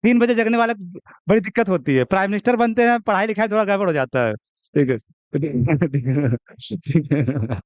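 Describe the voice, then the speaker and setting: A man's voice: sits high, moderate pace, a little mellow, dry recording. A young man teaching maths to a class, chatty and teasing, often checking in with "okay". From India. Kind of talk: classroom lecture.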